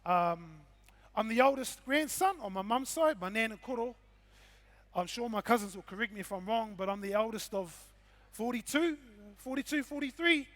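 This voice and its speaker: Male speaker, broad Kiwi accent, notably high pitch, laid-back informal presenter using Māori words and slang. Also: lively intonation, normal speed, fairly bright tone. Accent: broad New Zealand. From Whanganui, New Zealand. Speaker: conference speaker, game developer and hip-hop artist. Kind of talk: informal motivational talk to an audience.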